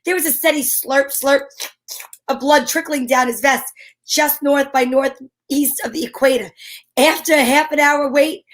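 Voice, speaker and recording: A woman plays a confident, wisecracking female private investigator, narrating her case with wry humor in the style of old-time radio. Her voice sits high.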